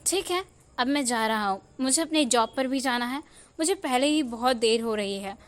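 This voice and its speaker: A woman's voice: fairly high pitch, lively intonation, normal speed, natural voice. A woman voicing a playful young man who teases and mock-scolds. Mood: teasing. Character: young man, teasing, caring, mock-stern.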